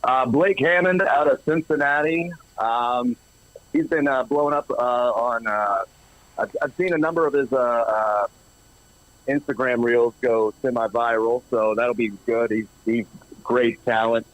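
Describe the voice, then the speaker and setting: A man phoning in as a guest over a speakerphone that is breaking up, talking casually and pausing as he lists names. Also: mid-range voice, no room sound. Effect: phone call on speakerphone, breaking up. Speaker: phone-in guest promoting a comedy show. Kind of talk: casual phone chat.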